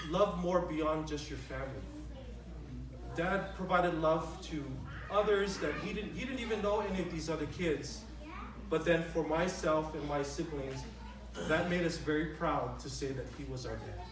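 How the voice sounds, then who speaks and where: A middle-aged man with a fairly high voice delivers an informal eulogy for his father. His speech is conversational and halting, with phrases repeated as he goes. He is recorded at a distance from the microphone in a very echoey room. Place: large reverberant room at a memorial gathering.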